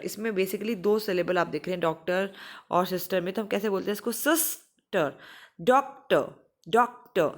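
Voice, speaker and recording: A woman teaching an exam-prep lesson on word stress in Hindi, repeating example words slowly. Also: medium pitch.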